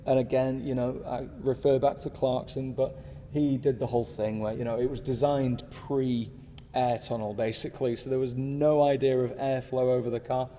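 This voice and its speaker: A man's voice: mid-range voice, flat delivery, moderate pace, mellow, in a large hall, a little hiss or hum. A man in his thirties, talking casually to camera from his desk, enthusiastic and rambling with asides. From United Kingdom. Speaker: car channel host. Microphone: small pocket camera.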